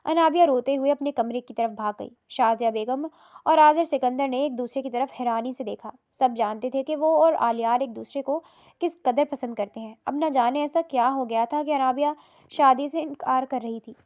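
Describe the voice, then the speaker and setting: A woman narrating a romantic novel in a steady, scripted storytelling read. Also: sits high.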